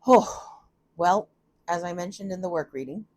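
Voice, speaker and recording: A woman's voice: on the low side, normal speed, darkish tone. A woman giving a casual, chatty tarot reading from a room at home, thinking aloud and often laughing at herself. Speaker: tarot reader.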